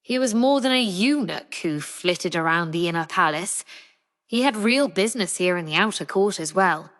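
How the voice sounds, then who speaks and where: A woman reading a novel aloud as an audiobook narrator, measured and even. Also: lowish voice, big-room sound.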